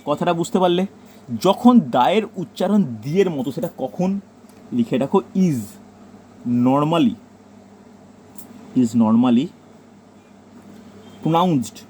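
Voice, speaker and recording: Bengali-accented teacher, mellow voice. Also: male voice, a little high, animated, takes it slowly, long pauses, a little hiss or hum. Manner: repeats points and tells students to note them down. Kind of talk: classroom grammar lesson.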